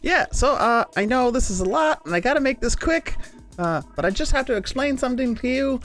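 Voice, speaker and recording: A man voicing an eager, apologetic young male adventurer in a tabletop game, rambling in halting bursts. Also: extremely high pitch, lively intonation, fairly bright tone, faint music behind, pitched above the performer's own voice. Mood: flustered, apologetic. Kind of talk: tabletop role-play.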